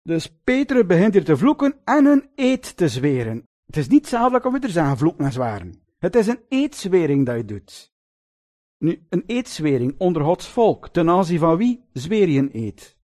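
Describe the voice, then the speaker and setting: A man delivering a sermon in a high-pitched voice. His pitch swings widely as he tells the story, and he keeps drawing the congregation in with tag questions and fond asides. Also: moderate pace. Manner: lively storytelling, addresses listeners with "lieve mensen" and tag questions. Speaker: preacher.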